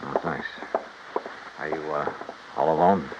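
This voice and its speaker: In a 1950s radio detective drama, a man with a very deep, fairly even voice plays the lead, a tough, brisk insurance investigator narrating his case in clipped, probing, businesslike hardboiled style. The old broadcast is muffled, with music and a noisy background.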